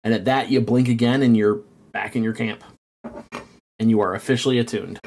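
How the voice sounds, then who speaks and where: A man narrating a tabletop game as game master, rambling with many fillers and turning excitable when he rants. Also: mid-range voice, fairly quick, slight background noise.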